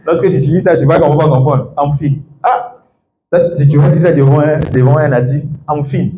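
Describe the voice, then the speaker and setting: A man teaching English to a class of students, lively and full of questions to the room, laughing often. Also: on the high side, brisk, lo-fi sound. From Ivory Coast. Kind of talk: classroom masterclass. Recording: echoey room with faint background noise.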